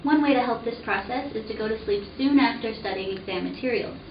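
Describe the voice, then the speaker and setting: A woman's voice: a little high, a little fast. A woman reading an explanatory script in textbook phrasing. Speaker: student narrator. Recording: roomy, distant, muffled with noise.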